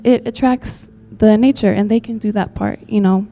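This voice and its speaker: A woman's voice: mid-range voice, steady tone, moderate pace, warm tone, slight background noise. A woman from Texas giving an earnest, rambling public comment at a community meeting, with many fillers. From Texas, USA.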